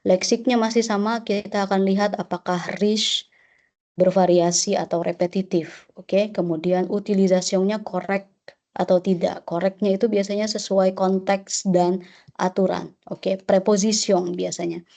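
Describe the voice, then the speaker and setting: A woman exam instructor giving a webinar lecture. Her voice is mellow and warm, with a mid pitch. She keeps checking in with listeners and mixes French terms into her explanations. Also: flat delivery, normal speed, creaky. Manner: checks in with a frequent "oke?".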